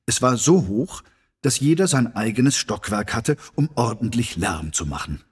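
A man reading a children's story aloud in an expressive storyteller's manner. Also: medium pitch, moderate pace, slight background noise.

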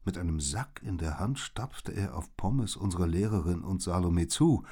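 A man narrating a children's story in the first person with dramatic, expressive delivery. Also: low voice, moderate pace, slightly rough. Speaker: audiobook narrator.

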